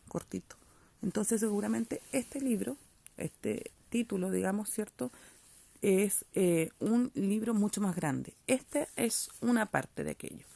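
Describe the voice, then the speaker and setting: A woman teacher giving a virtual class, reading a story aloud with expressive intonation and patiently explaining, often checking in with her students. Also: mid-range voice, gravelly, no echo.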